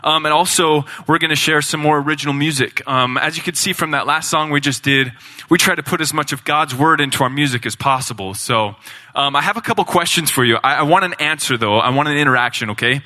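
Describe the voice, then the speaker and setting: A man's voice: a little high, fast, pushed and bright. A man from a gospel band speaking earnestly from a church stage, quizzing the crowd, with many ums. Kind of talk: stage introduction to a church audience.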